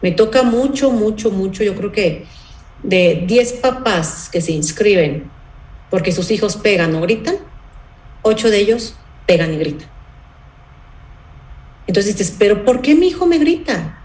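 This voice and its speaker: A woman's voice: mid-range voice, measured pace, long pauses, a little mellow, echoey room, low-quality recording. A woman leading a parenting workshop, explaining patiently and often checking in with her listeners. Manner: explanatory, asks the audience rhetorical checks like "¿sí?" and "¿bien?".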